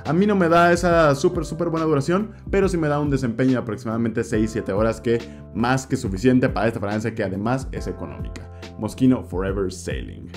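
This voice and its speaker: For a casual review vlog, a young man with a Mexican Spanish accent talks about his favorite fragrances, gesturing and repeating words to stress them. His middle-pitched voice carries over faint, soft guitar in a small room stocked with perfume bottles. He speaks into a desk mic in front, filmed from mid distance.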